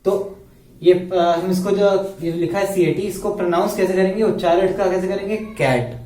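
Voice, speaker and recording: A man's voice: high voice, moderate pace, dark tone, far from the mic. A man teaching a beginners' grammar lesson at a board, explaining step by step and asking and answering his own questions. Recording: echoey room, voice off-mic.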